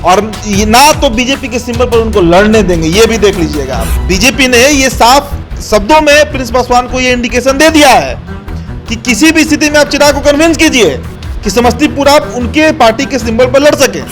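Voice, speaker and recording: High-pitched man giving political commentary. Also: expressive, a little fast, faint music behind. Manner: assertive, explains step by step with many fillers. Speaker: political analyst.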